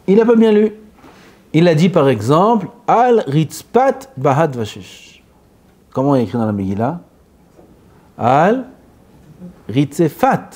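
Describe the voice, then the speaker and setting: Animated man teaching a Torah lesson. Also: mid-range voice. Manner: animated, asks questions and drills pronunciation. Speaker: rabbi teaching.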